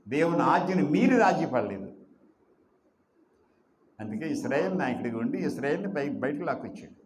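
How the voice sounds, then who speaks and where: A man's voice: a little high, very animated, moderate pace, roomy sound, slight background noise. A man preaching a sermon as pastor, emphatic, asking rhetorical questions and drawing out repeated phrases.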